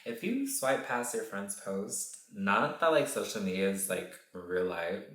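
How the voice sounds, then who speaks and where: A man's voice: lowish voice, a little slow. Sassy, slangy young man in echoey chat. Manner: expressive, sassy storytelling with slang. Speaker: podcast guest. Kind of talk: casual chat.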